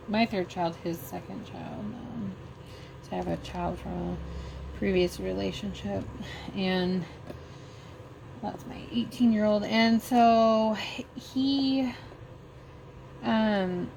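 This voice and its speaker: A middle-aged woman vlogger slowly telling a personal story while crafting, halting and emotional. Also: mid-range voice, steady tone, creaky, noisy background.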